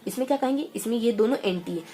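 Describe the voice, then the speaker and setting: A woman teaching an exam-prep lesson in a chatty way, repeating phrases and throwing in quick asides. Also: on the high side, mellow.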